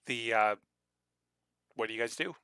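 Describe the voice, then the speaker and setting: A man narrating a tabletop role-playing game as game master, halting and stumbling, with many fillers and restarts. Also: medium pitch, pushed and bright, slight background noise.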